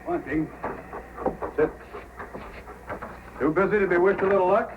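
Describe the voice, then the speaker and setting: An actor playing a steady, authoritative but friendly male Mountie sergeant in an old-time radio drama. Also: sits high, normal speed, background noise, natural voice. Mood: steady, concerned. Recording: dull old radio recording with music.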